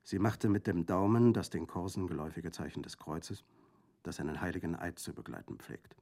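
A man narrating a classic novel in a measured, even storytelling manner. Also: low voice. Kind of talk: scripted audiobook narration.

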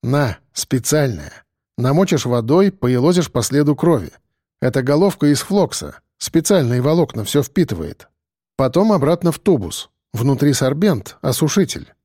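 A man's voice: on the high side, very animated, moderate pace, mellow, dry recording, clean studio sound. A male reader voicing a grumbling forensic expert who explains things in a matter-of-fact way. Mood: explaining.

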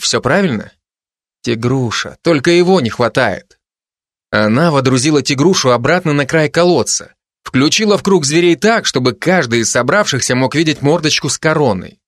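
A man narrating a children's fantasy story in an even, expressive reading. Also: medium pitch, moderate pace, dry recording, clean studio sound. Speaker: audiobook narrator.

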